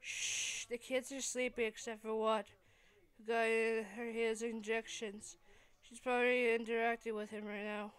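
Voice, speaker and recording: A woman voicing a pushy, friendly adult woman who plays matchmaker, with halting, insistent delivery in an amateur fan-fiction reading. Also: fairly high pitch, level tone, clear, resonant tone, close to an everyday voice. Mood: urging.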